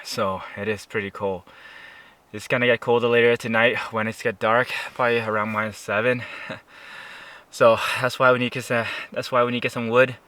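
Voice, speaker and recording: A man chatting casually to camera as a camping vlogger out in the cold, speaking haltingly as he searches for words, his mouth a little stiff from the chill. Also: mid-range voice, level tone, sharp tone. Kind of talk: casual vlog chat to camera. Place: outdoors at a snowy mountain campsite.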